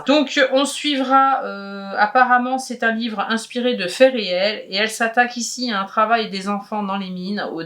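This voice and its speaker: A woman co-hosting a book channel, casually presenting new releases with frequent pauses and fillers. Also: medium pitch, a bit bright.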